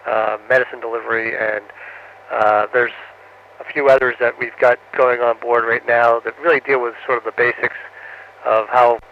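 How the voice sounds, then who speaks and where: A medium-pitched astronaut with a flat delivery speaks to students from the space station. He is halting and uses many fillers, finishing each reply with "over". The radio link is muffled, breaking up, and carries faint static.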